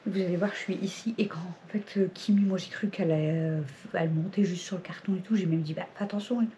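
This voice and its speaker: A woman's voice: fairly low pitch, steady tone, a little fast, warm tone, slight background noise. A woman chatting casually to her vlog viewers at home, rambling and laughing often. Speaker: family vlogger. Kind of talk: casual vlog chat to camera.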